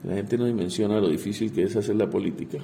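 A man speaks in a very dark, mellow voice and a lowish register. He answers as a congressman in an interview, halting and repeating small words as he searches for the next phrase. Faint noise hums behind him. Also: creaky.

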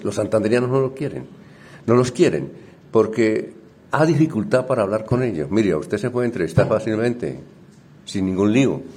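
A man's voice: on the low side, a little mellow. A man, a journalist asking questions in a conversational, colloquial manner. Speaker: interviewer, journalist. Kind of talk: radio interview questions.

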